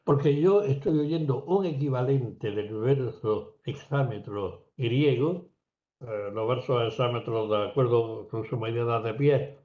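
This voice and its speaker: A man's voice: mid-range voice, warm tone. A man talking about poetry in an academic conversation, hesitating often with fillers and restarts, now and then singing or reciting an example. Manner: lecturing, sings and recites examples. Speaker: poet in a seminar conversation. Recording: roomy and slightly dull recording.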